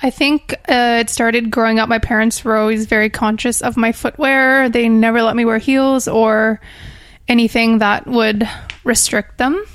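A woman's voice: on the high side, steady tone, normal speed, dry recording. A woman speaking casually as a guest in a podcast interview, recorded in a small room. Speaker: podcast guest, personal trainer.

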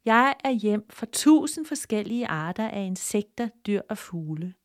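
A woman's voice: medium pitch, animated, no room sound, clean studio sound, close to an everyday voice. A woman voicing an old talking oak tree that insists, lecturing, that it must not be cut down. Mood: pleading.

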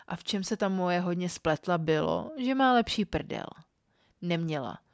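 A woman with a fairly low voice narrates an erotic story in a calm, even way. The sound is dry and close to the mic, with no room around it. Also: clean tone, dry recording. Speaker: podcast storyteller.

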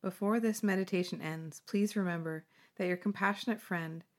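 A woman hosting a guided meditation, speaking slowly and soothingly with gentle pauses. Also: fairly low pitch, steady tone.

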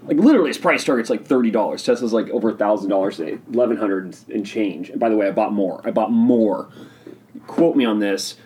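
A man hosting a casual solo podcast, talking in an excitable, rambling, opinionated way while sipping a drink. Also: fairly low pitch, brisk, a little hiss or hum. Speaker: podcast host.

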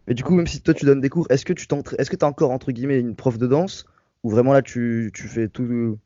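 A man's voice: medium pitch, fairly even intonation, a little fast, warm tone, no echo. A man hosting an interview over a phone call, hesitant and often repeating his words. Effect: over a phone call line. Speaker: interviewer, host. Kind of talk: casual interview. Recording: dull lo-fi call line.

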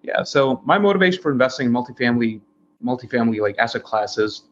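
A man's voice: medium pitch, expressive, fast, fairly bright tone. A man from India, speaking earnestly as an investor guest and using lots of fillers. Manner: earnest, filler-heavy with frequent likes. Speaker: real estate investor guest. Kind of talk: casual interview answer. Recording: dull lo-fi sound with faint noise.

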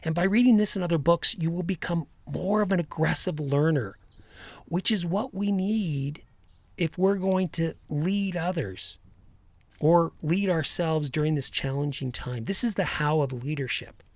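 A man's voice: on the high side, unhurried, no echo. A man hosting a motivational podcast as a coach, addressing listeners directly in an earnest, emphatic way.

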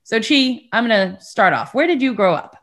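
A woman's voice: fairly high pitch, sing-song, normal speed, fairly bright tone. A young adult woman co-hosting a podcast, chatting casually with a friend and laughing often. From United States. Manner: giggly, chatty, frequent laughter. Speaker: podcast co-host. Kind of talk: casual chat.

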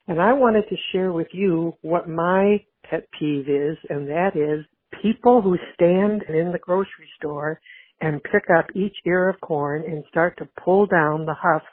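A woman's voice: fairly low pitch, slightly rough, dry recording. A woman leaving a voicemail for a podcast as a listener caller, chatty and mildly exasperated as she complains. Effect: voicemail played over a phone line. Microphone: telephone. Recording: tinny phone-line voicemail.

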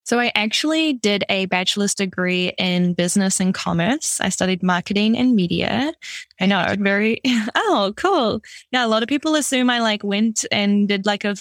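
A woman's voice: medium pitch, expressive, normal speed, no room sound. Upbeat young woman w a new zealand accent, chatty guest, lots of "like", dry close sound. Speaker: guest product designer. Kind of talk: conversational interview.

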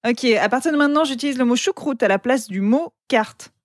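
A woman's voice: sits high, brisk, dry recording, clean studio sound. A woman playing a party card game on a podcast, chatting casually with amused, confused exclamations.

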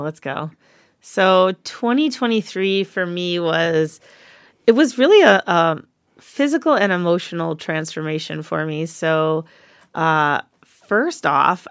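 Frank, low-voiced woman in her forties. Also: expressive, slow pace, no room sound, studio quality. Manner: candid, frank, with frequent ums. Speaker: podcast co-host. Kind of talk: casual chat.

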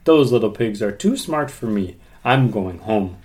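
A man's voice: fairly low pitch, lively intonation, a little slow, darkish tone. Man playing a big bad storybook wolf, sly and menacing, roars his threats. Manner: roaring threats.

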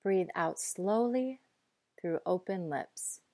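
A woman guiding breathing and muscle relaxation in a calm, measured, instructive way. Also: fairly low pitch, no echo. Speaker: guide.

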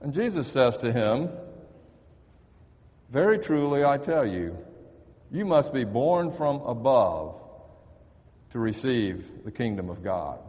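A man's voice: mid-range voice, big pitch swings, takes it slowly, pauses often, a little mellow, long reverb tail. A man preaching a sermon in a conversational, storytelling manner. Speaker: pastor.

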